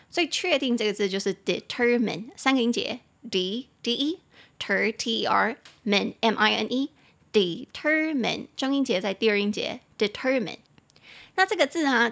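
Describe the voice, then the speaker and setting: A young woman hosting an English-teaching podcast, chatting casually, laughing often and slowing down to spell words out letter by letter. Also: fairly high pitch, creaky, a bit bright.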